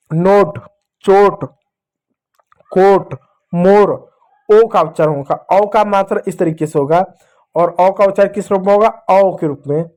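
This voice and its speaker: A man with a high, light voice gives a patient reading lesson for children. He repeats each sound slowly, asks a question and answers it himself, and keeps calling his listeners dear children. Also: darkish tone. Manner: addresses the viewers as dear children. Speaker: teacher.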